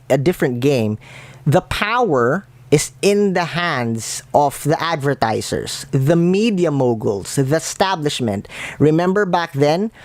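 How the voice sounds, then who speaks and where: A woman in her thirties with a Filipino accent, a branding coach speaking in an animated, emphatic podcast conversation. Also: low voice, no room sound. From Philippines. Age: 30s. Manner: animated, emphatic repetition, playful.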